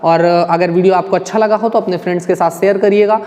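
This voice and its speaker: A man's voice: high voice, steady tone, fast talker, mellow. A male teacher giving an exam-prep grammar lesson. He keeps asking the class rhetorical questions and checking with "right?". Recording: long echoing reverb.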